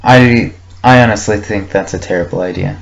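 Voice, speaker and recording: This casual audio log features a young man with a low, gravelly voice talking at normal speed. He wanders through an unscripted monologue in short fragments, hesitant and reflective. Faint background noise sits under the muffled, lo-fi recording.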